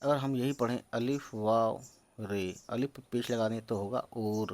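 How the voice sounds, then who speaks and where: A man teaching reading, sounding out each letter and syllable slowly and patiently, with English words mixed in. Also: mid-range voice, a little mellow. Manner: mixes English words into explanations. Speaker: Urdu teacher.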